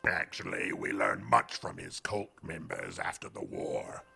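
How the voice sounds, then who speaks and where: A man voicing a grave, patient, wise otherworldly sage in a cartoon, gravelly and husky, with a measured, solemn manner. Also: low-pitched, sing-song, sharp tone, faint music behind, exaggerated voice.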